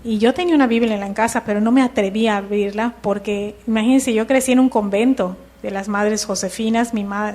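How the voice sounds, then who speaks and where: A middle-aged woman, telling her personal testimony in church in a lively storytelling way. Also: medium pitch. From Mexico. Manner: lively storytelling, acting out dialogue. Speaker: church member giving testimony.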